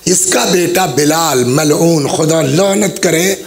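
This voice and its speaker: A man delivering a dramatic mourning sermon, telling the story with acted voices and slipping into chant. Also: a little high. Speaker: religious scholar giving a majlis. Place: mourning gathering hall.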